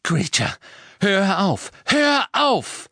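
A man's voice: mid-range voice, animated, normal speed, no echo, voice pushed up. A man voicing an insistent teenage boy wizard in an audiobook, pressing hard with tense questions. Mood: pleading.

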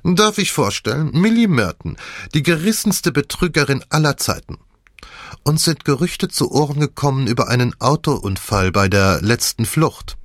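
A man's voice: medium pitch, big pitch swings, normal speed, dry recording, studio quality, voice pushed up. A man voicing a jovial man who gloats heartily while exposing a swindler, in an audiobook. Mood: gloating hearty. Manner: hearty, theatrical.

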